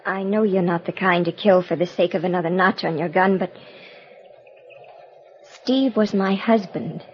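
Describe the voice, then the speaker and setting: An actress playing a proud, weary and guarded outlaw's widow in a vintage radio western. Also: female voice, lowish voice, moderate pace, natural voice. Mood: weary, pained. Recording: muffled, band-limited old radio recording.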